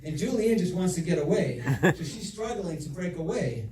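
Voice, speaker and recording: A middle-aged man giving a humorous father of the bride speech, telling stories with deliberate pauses and repeated phrases. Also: high-pitched, very animated, a little mellow. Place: reception room before an audience. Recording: echoey room, distant mic, audience noise. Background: audience laughter and crowd noise.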